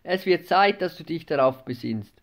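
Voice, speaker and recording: A man's voice: on the high side, expressive, moderate pace. A man voicing a mocking, scornful male tempter in an audiobook. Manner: mocking, taunting.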